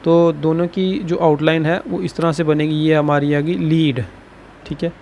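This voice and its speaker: Guy teaching shorthand, kinda high voice, says theek hai all the time, bit of hiss. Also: little pitch movement, gravelly, a little mellow. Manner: says "ठीक है" after nearly every phrase, repeats words slowly. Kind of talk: explaining lesson.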